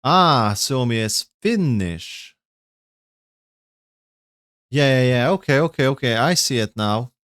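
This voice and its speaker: Male streamer, off-the-cuff reaction chat, rambling and self-correcting, smooth clear voice, dry close mic. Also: mid-range voice, lively intonation, slow pace, pauses often, a bit bright, no echo. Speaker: streamer reacting to game lore. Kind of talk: casual livestream reaction chat.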